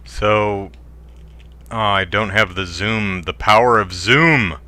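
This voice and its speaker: A man hosting a let's play, riffing wryly on the game and reading out viewer chat. His voice sits a bit low but has a sharp, very bright edge. The delivery is loose, casual commentary. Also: slow pace. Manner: wry, joking, reads viewer comments aloud.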